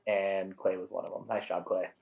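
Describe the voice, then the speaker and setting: A man's voice: sits low, flat delivery, normal speed, vocal fry, phone-quality sound. A man giving casual golf-style play-by-play commentary as a disc golf commentator, supportive of the players.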